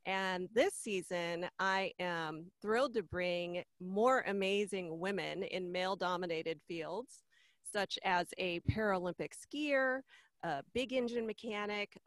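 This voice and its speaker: A woman's voice: medium pitch, slow pace, dry recording. A woman hosts a podcast interview, opening with upbeat introductions of her guests. Her voice sounds dry and close to the mic. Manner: upbeat introductions, short reactions. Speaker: podcast host.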